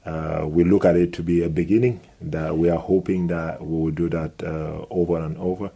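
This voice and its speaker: A man's voice: low-pitched, flat delivery, normal speed, gravelly, mellow, slightly rough. A middle-aged man from Cameroon, answering radio interview questions hesitantly with many filler sounds, in a studio. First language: Mogamo. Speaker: guest.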